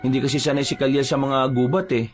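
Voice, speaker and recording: A man playing a steady, protective village father who talks in a plain, reassuring way. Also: medium pitch, fast, soft background music, natural voice.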